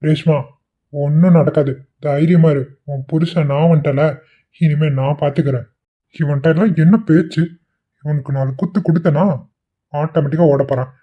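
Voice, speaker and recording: A man's voice: fairly high pitch, fairly even intonation, moderate pace, close to an everyday voice. A man voicing a confident, protective young husband in a cartoon. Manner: bossy, confident. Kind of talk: cartoon voice acting. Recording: tinny phone-like sound.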